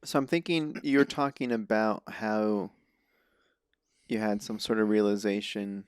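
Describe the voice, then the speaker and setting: A man hosting a podcast, asking curious, halting questions in a casual interview. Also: on the low side, steady tone, clean tone, no room sound, clean studio sound. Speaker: podcast host.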